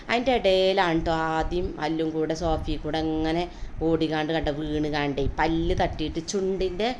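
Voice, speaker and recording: A young mother talks through her day in a quick, homely, chatty voice-over. Her voice sits low for a woman. A faint room ambience hums underneath. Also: a little mellow, a little hiss or hum. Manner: chatty, homely, with frequent tag words. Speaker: vlogger, mother. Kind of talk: casual day-in-my-life voice-over.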